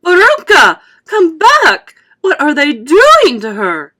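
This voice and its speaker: A woman's voice: on the high side, very animated, moderate pace. A woman voicing a wealthy mother who coddles her spoiled daughter. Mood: frantic. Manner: soothing, fussing. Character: indulgent wealthy mother, soothing then frantic.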